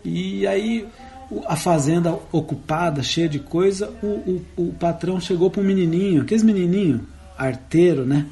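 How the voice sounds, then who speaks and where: Relaxed rambling man telling a folk tale. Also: high voice, moderate pace, faint music behind. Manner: relaxed, rambling, many tag questions. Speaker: guest storyteller and guitarist. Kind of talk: folk tale told in casual chat.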